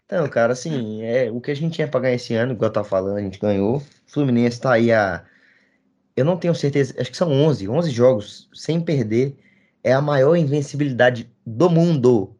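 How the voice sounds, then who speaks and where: A man's voice: medium pitch, animated, a little fast, mellow. A Brazilian man in casual football banter as a podcast co-host, speaking in slangy street talk, repetitive and insistent. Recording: dull lo-fi podcast audio.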